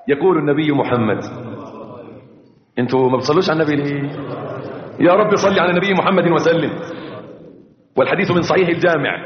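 A male preacher giving an impassioned sermon, calling out to his listeners and chanting verses. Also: on the high side. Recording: echoey hall, dull lo-fi sound.

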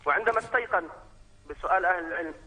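A man's voice: high-pitched, very fast, sharp tone, slightly rough. A man calling in by phone, politely asking formal questions with some hesitant restarts. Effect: heard over a phone line. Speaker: caller. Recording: dull lo-fi phone line.

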